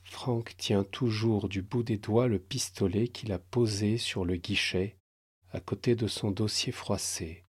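A man narrating a tense story in slow, measured, dramatic phrases. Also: fairly low pitch, steady tone, husky.

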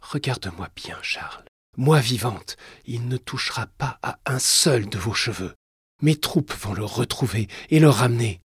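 A man's voice: mid-range voice, animated, unhurried, breathy edge, no echo, studio quality, voice pushed up. A man voicing a commanding, protective queen mother, urgent and resolute, in a storybook reading.

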